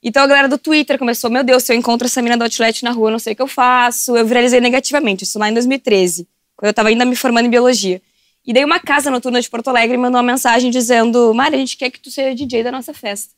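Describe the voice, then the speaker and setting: A woman, an animated guest telling stories on a podcast and laughing often. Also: a little high, rapid-fire, dry recording, studio quality. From southern Brazil. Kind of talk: casual podcast chat.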